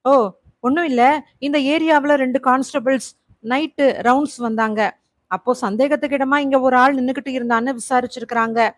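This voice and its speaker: A man's voice: very high-pitched, fairly even intonation, normal speed, a bit bright, dry recording, clean studio sound. A woman doing a stern police officer. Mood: official. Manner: crisp, authoritative.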